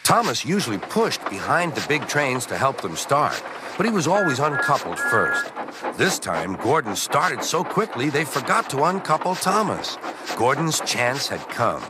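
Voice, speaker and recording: A man narrating a children's train story in a gentle, expressive storytelling way. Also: medium pitch, a little slow, heavy background noise. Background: loud music.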